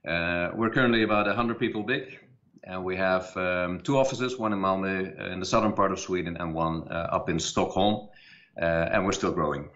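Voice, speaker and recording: A man's voice: sits low, moderate pace, fairly bright tone. Man, middle-aged, video call, muffled audio, friendly, hesitant. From Netherlands. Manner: friendly, hesitant with many fillers. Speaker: guest company CEO. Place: office with a chair behind.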